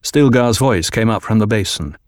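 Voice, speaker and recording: A man narrating an audiobook in an even, measured way. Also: lowish voice, no echo, studio quality.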